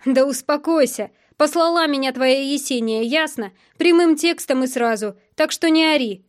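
A cocky rich young man, read by a woman narrator, snapping back on the defensive with sneering bite. The delivery is loud and rises high at the ends of lines. It is audiobook character reading. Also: moderate pace, dry recording, studio quality, close to an everyday voice.

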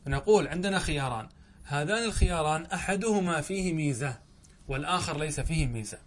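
A man's voice: on the high side, animated, quick pace. A man teaching Arabic grammar in a lesson, asking his own questions and answering them, often drawing out words as he explains. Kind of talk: classroom lesson.

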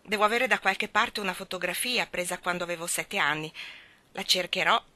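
Woman reading wry joking young man, bright voice, audiobook. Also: lowish voice, steady tone, fairly quick, dry recording. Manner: wry, self-mocking.

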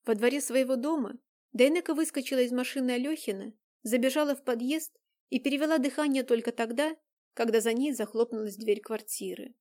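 A woman narrating an audiobook in a measured, even storytelling manner. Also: on the high side. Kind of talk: scripted narration.

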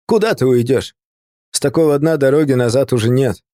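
A man voicing a rough, blustering drunk who leads a basement drinking gang, his speech in crude street talk. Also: mid-range voice, fairly quick, mellow, no echo, clean studio sound, natural voice. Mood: belligerent.

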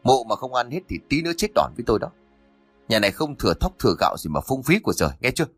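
A man's voice: medium pitch, big pitch swings, very fast, fairly bright tone, husky, no echo, faint music behind, full character voice. A man doing a spiteful, snarling daughter-in-law. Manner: snarling, contemptuous scolding.

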